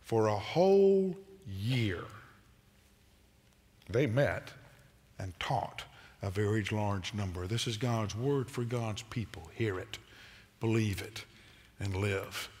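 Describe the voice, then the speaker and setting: An older man preaching a sermon as pastor, animated and moving about the stage in a large church auditorium. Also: on the low side, slow, long pauses. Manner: animated preacher, gesturing while pacing the stage. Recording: long reverb of a large sanctuary.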